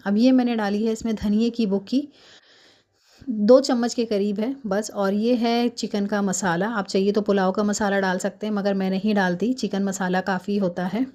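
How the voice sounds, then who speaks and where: A woman doing a hurried, chatty cooking voice-over while fasting, explaining each step at home. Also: mid-range voice, steady tone, warm tone. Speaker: home cook vlogger.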